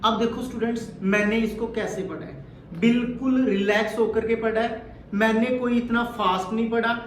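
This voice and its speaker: A man's voice: extremely high pitch, fairly even intonation, normal speed, a little hiss or hum. A man giving a direct, instructive exam-coaching lesson, repeating his points as he explains. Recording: echoey room with faint ambience.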